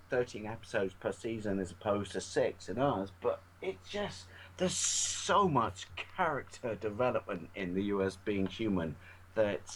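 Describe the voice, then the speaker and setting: A man's voice: on the low side, slight background noise, low-quality recording. A man with a British accent in casual film chat, swearing freely and gushing with enthusiasm. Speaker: co-host.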